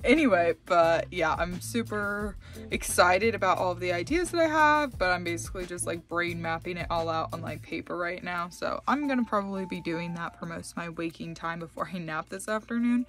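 A woman's voice: on the low side, brisk, fairly bright tone, soft background music. A young woman in her twenties chatting casually to the camera from inside her RV, rambling with lots of fillers. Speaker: vlogger. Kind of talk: casual vlog chat.

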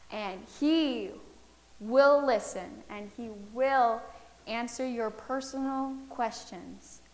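A woman's voice: a little high, rough recording. Chatty young woman giving a devotional talk. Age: young adult. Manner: chatty, checks in with audience. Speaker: youth speaker. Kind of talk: inspirational talk with personal story.

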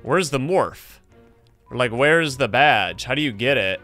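A young adult man hosting gameplay commentary in an animated, exclaiming way, close on a streaming mic. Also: mid-range voice, unhurried, faint music behind. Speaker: gaming video host, streamer.

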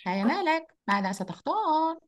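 A woman voicing a cheerful, energetic male rabbit who tells a story to children in an online lesson. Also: sits high, brisk. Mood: playful. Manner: lively, upbeat, speaks to children.

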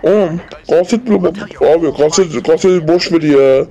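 A man's voice: fairly high pitch, normal speed, dark tone, muffled recording. A man doing a rowdy comedic fan dub of a cartoon, exclaiming and swearing casually.

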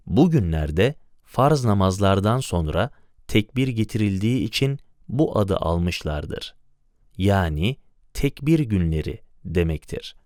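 Low, smooth-voiced male audiobook narrator. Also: darkish tone, dry recording, studio quality. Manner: measured, formal reading.

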